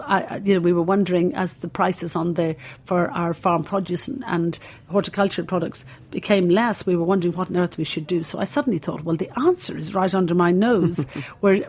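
Husky older Irish woman telling stories. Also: on the low side, a little mellow. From Ireland. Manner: rambling, many fillers and restarts. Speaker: cookery school founder, guest. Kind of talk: interview, telling a story.

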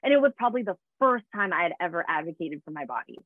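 A woman's voice: fairly low pitch, very animated, fast, no room sound. Chatty woman on a tinny line. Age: 30s. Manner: chatty, laughing, many fillers. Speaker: guest, fitness business founder. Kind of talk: casual interview storytelling.

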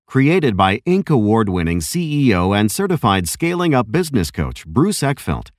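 A man's voice: on the low side, no room sound, clean studio sound. A man reading a scripted advertisement in a polished sales style. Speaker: ad announcer.

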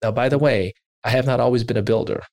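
A man hosting an interview, telling a personal story in an earnest, self-deprecating way, with animated quoted asides. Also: mid-range voice, fast talker, dry recording. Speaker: interviewer and podcast host.

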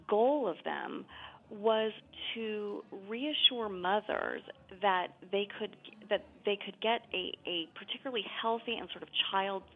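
A woman author talks through her subject in a relaxed, chatty interview, full of little fillers. Her voice sits low and gravelly. It comes through a thin, phone-like line. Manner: chatty, explanatory, frequent fillers. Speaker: author guest. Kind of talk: conversational interview.

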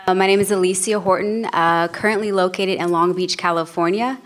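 Flat low-voiced woman, easygoing. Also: fairly quick. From Kansas City, Missouri. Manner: easygoing, joking. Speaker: church planter on a panel. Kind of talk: casual panel introduction.

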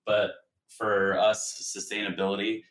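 Man, deep voice, restaurant partner, measured, earnest, interview. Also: flat delivery, fairly bright tone. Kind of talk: casual interview talk.

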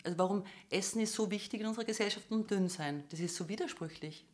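A woman's voice: medium pitch, fast talker. A woman, explaining her views at length in an earnest conversational discussion. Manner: explains at length, quotes parents and children in asides. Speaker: guest expert on body image and eating.

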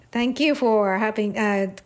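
A woman hosting a podcast interview, speaking in a friendly, slightly halting manner. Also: medium pitch. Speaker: podcast host.

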